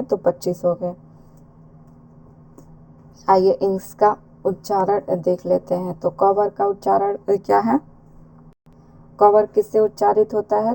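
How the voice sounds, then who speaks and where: A woman's voice: mid-range voice, dark tone. A woman teaching an exam-prep lesson, asking rhetorical questions and answering them herself. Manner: slow, repeats and asks rhetorical questions.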